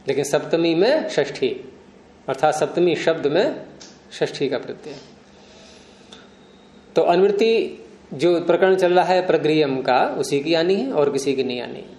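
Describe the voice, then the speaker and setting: Guy teaching grammar in class, kinda high voice, asks students stuff a lot, echoey room. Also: darkish tone. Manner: patient, explanatory, quizzes students often. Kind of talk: classroom lecture with questions to students.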